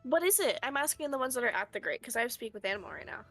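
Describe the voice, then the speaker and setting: A woman's voice: fairly high pitch, sing-song, racing, fairly bright tone, faint music behind. A woman playing a tabletop game, eager and blunt, swearing freely. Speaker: player.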